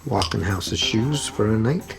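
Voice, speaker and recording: A wry, good-natured doctor. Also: male voice, on the low side, lively intonation, measured pace, gravelly. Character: easygoing, good-natured male doctor friend. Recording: TV clip with music underneath.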